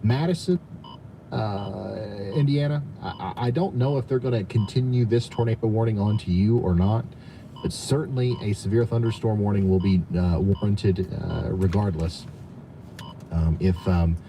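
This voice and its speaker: A man with a fairly low voice gives live severe weather commentary. He speaks off the cuff in a halting, stop-start way, like a streamer watching radar. A clear bed of vehicle-like ambient noise sits behind him. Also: mellow, low-quality recording. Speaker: live weather streamer giving storm coverage.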